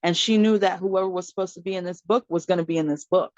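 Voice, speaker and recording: A woman's voice: on the low side, quick pace, dry recording, dull audio. A woman, a podcast guest and mother of four, telling a personal story in conversation, acting out what others said to her, with laughter and fillers. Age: adult mother of four. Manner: animated storyteller acting out quoted dialogue.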